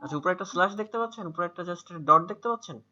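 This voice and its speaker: A man's voice: high voice, racing, pushed and bright. A man with a Bangladeshi accent teaching English pronunciation in an online class, patiently repeating words for students over a video call. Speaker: English tutor. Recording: muffled video-call audio.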